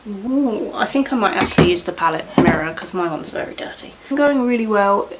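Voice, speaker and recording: A woman's voice: medium pitch, animated, fairly quick, very noisy. A young woman chatting casually in a rambling way while doing her makeup at home, with lots of fillers. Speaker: beauty vlogger.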